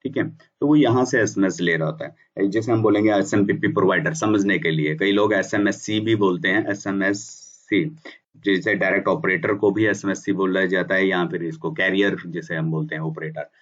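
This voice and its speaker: Low-voiced man teaching from off-mic. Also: steady tone, fairly quick, hardly any pauses, far from the mic, muffled recording. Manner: explanatory, restarts words, mixes English terms. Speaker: instructor explaining bulk SMS business. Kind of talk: casual whiteboard lesson.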